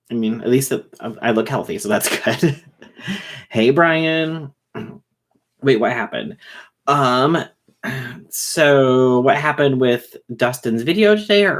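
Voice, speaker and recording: A man hosting a casual livestream who talks fast and rambles, with many fillers and restarts. He is short on sleep. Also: mid-range voice. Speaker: livestream host reading chat.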